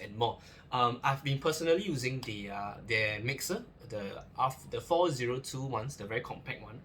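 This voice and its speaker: A man's voice: mid-range voice, a bit bright, slight background noise. A young man talks casually through an unboxing review, chatty, with many fillers, restarts and joking asides. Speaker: gear reviewer.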